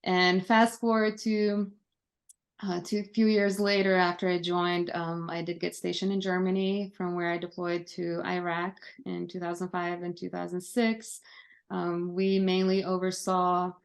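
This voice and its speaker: Speaking from a home office over a video call, this Army veteran, a woman in her thirties from Lithuania whose native language is Lithuanian, shares her story in a casual interview. Her lowish voice moves a little slowly with vocal fry, steady yet full of fillers and restarts.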